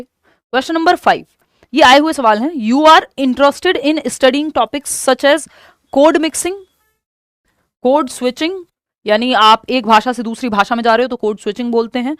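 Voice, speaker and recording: A woman's voice: a little high, a bit bright, no room sound, clean studio sound. A woman teacher, explaining exam questions step by step and mixing English terms into her speech. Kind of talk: exam-prep lesson.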